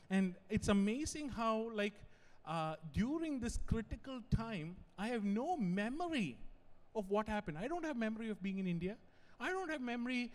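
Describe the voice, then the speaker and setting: A young man preaches from the pulpit, his voice sitting high for a man. He talks in an animated, conversational way, often stepping aside for a joke before coming back to his point. Long reverb from the church hall trails behind every phrase. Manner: animated, digressive, joking asides. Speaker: pastor. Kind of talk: sermon.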